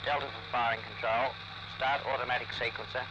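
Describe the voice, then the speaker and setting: A man's voice: medium pitch, flat delivery, fairly quick, pushed and bright, highs cut off. A man speaking terse, formal military radio procedure as an operator over a crackly radio link.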